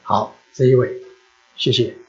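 A man's voice: medium pitch, fairly even intonation, measured pace, a little mellow. Earnest pleading male preacher, lo-fi. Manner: earnest, pleading, repeats his appeals. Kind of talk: sermon with altar call and prayer. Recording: dull lo-fi recording.

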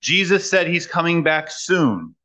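A man preaching in short phrases and pausing for an interpreter, teasing the young people about a quiz. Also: a little high, animated, sharp tone, rough recording. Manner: pauses for translation, teacherly, jokes with young people. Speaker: guest preacher. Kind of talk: sermon with live interpreter.

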